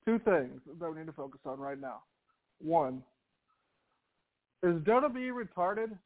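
A man with a high voice chats casually as a radio co-host. He is blunt and presses his questions insistently. He sounds like he is on a thin phone connection. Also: lively intonation, a little slow. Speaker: co-host on a wrestling radio show. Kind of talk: casual opinionated chat. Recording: tinny phone-like call.

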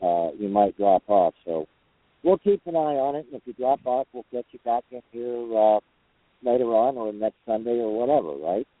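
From the cab of his parked truck, the host of a truckers' talk show takes calls in a relaxed, folksy manner, rambling and hesitating as he goes. His medium-pitched voice is expressive and moderately paced. There is no room sound, just the thin, tinny quality of a phone or radio line.

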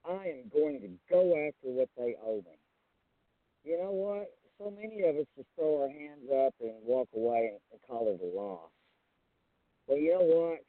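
A middle-aged man phones in, his voice muffled as if coming through a wall and squeezed thin by the phone line. He speaks a little high and with lively rises and falls, hammering points home with an emphatic "okay?". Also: moderate pace, no echo. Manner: emphatic, keeps asking "okay?". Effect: muffled, as if through a wall, from a dropped handset mic. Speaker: call-in guest. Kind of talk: casual phone-in chat.

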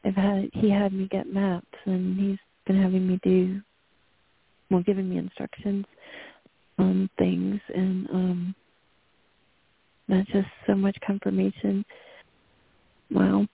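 Flat, gravelly woman calling into a radio show. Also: mid-range voice, takes it slowly, long pauses. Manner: earnest, softly praising God. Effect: phone line into a radio show. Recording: tinny dry phone line.

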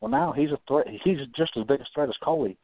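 A man's voice: a little high, fast talker, no room sound. A man from South Carolina calling in to a radio show over the phone, meandering and hedging as he talks. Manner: meandering, hedging, clears throat often. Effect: heard over the phone. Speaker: radio call-in caller. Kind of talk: casual call-in chat. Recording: tinny phone line, dry.

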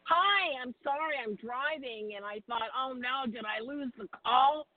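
A woman's voice: sits high, unhurried, no echo. A woman caller on a hands-free phone call from her car, chatty and apologetic, laughing often. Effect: hands-free phone call from a moving car. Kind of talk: casual call-in chat. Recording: tinny car speakerphone line.

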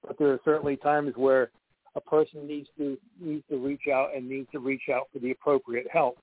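A man speaking candidly on a conference call line that keeps cutting out, halting and restarting his words. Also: medium pitch, little pitch movement. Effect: conference call line that keeps breaking up. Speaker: guest. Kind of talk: candid personal talk. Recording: tinny phone line.

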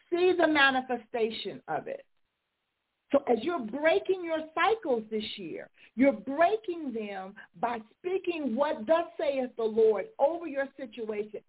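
This woman's voice is high-pitched, animated and breathy-edged, and she speaks unhurriedly. Hosting a faith talk show while congested and recovering from illness, she decrees with fervor and climbs into full preaching. The sound is tinny, like a phone line.

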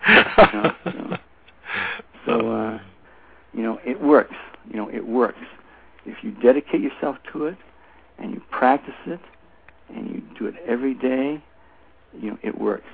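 An older Tai Chi instructor, a guest in an interview, explains things in a very gravelly, medium-pitched voice that is a little slow and pauses often. He tells anecdotes emphatically and repetitively in a conversational style. The audio comes over a narrow phone line with faint noise.

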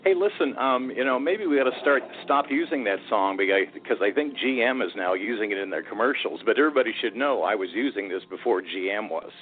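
A man with a velvety, fairly deep voice talks casually about sports as a regular caller. The sound is thin and narrow, as on a phone line. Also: expressive, a little fast, hardly any pauses. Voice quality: smooth, velvety voice. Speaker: regular call-in betting expert, former DJ. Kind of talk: casual sports talk chat.

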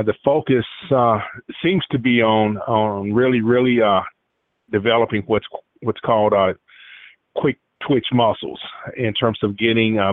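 A man from Alabama, calling in to a sports radio show over a landline phone, talking in a halting way and repeating words as he looks for the next one. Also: lowish voice, no room sound. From Alabama, US South. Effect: heard over a landline phone. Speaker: caller. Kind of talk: sports radio call-in chat. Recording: tinny dry phone line.

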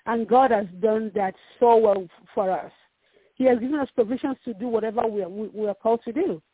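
A Nigerian woman who founded a ministry talks earnestly about her work in a casual interview, often repeating words as she searches for them. Her Nigerian-accented voice is a little high, a little fast and slightly rough. There's no room sound, and the phone line is muffled.

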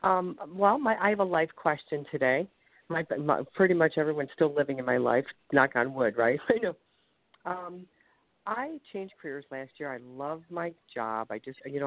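A woman's voice: sits low, no room sound. A chatty woman from Ohio calling in to a radio show over the phone, rambling a little and laughing easily. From Ohio, USA. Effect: caller heard over a phone line. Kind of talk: casual call-in question. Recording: tinny phone line, dry.

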